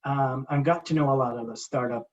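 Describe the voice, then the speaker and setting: Halting man on a dull call line. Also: mid-range voice, fairly even intonation. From Guyana, raised in England. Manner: halting, repeats words, many fillers. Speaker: guest, entrepreneur. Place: home office.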